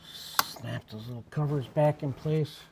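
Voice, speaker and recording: A man's voice: mid-range voice, measured pace, very noisy. A man narrating a casual how-to while working in his own vehicle, with a wry, self-deprecating, muttering manner. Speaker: DIY car vlogger.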